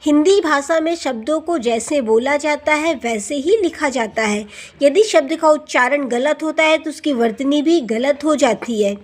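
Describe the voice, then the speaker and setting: A woman's voice: high-pitched, unhurried. A woman teacher going through exercises for students, asking questions and answering them herself, words into her speech. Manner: addresses students as beta, asks and answers own questions. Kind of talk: classroom lesson explanation.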